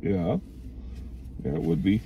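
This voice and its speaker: A man's voice: deep voice, takes it slowly, dull audio. A man in his fifties chatting casually in a teasing way, like a dad talking to his kid. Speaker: father driving his daughter. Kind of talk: casual chat. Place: inside a car. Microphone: camera on the dashboard. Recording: loud car and outdoor street noise.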